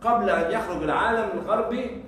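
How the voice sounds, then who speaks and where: An Egyptian guest lecturer talks fast in a high, fairly bright voice, giving an informal university lecture in an Egyptian Arabic accent. He leans on rhetorical questions, repeats himself and laughs softly. The room echoes, the mic sits far off, and there's faint noise.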